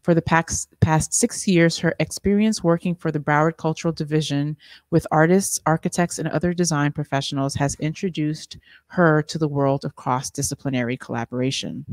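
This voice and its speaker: A woman moderating a gallery panel, reading speaker introductions in a halting way with restarts. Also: sits low, a little mellow, no room sound, studio quality. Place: art gallery room, indoors.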